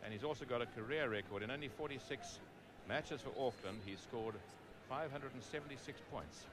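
A man giving play-by-play rugby commentary, measured between plays and rising to shouts at scoring chances. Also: medium pitch. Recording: noisy broadcast audio.

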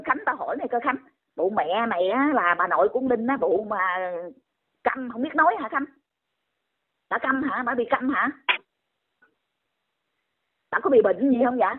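Older woman, scolding and indignant, higher voice, tinny phone line. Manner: scolding, exclaiming often.

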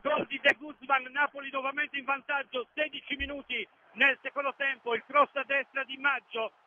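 A man giving breathless, urgent radio football commentary, bursting into shouted goal calls. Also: very high voice, flat delivery, moderate pace. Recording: tinny phone-like line, loud stadium noise.

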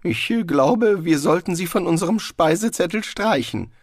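A man's voice: on the high side, very animated, a little slow, dry recording, studio quality, voice pushed up. A man reading an audiobook, voicing a nervous, bluffing male wizard who defends his pride with flustered bluster.

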